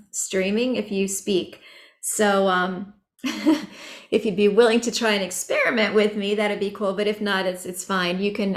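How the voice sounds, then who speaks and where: A woman leads a chanting workshop over a video call, talking in an easygoing, chatty way with soft laughs and plenty of ums. She takes her time and speaks slowly, at a middling pitch. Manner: relaxed and chatty, laughs lightly, many fillers. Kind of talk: online workshop teaching.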